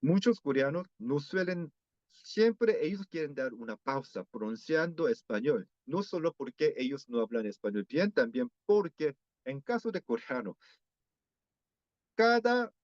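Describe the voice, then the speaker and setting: A man's voice: a little high, sing-song, measured pace, no room sound, dull audio. A man with a Korean accent, a native Korean speaker giving a careful academic lecture on pronunciation, with restarts and repeated examples.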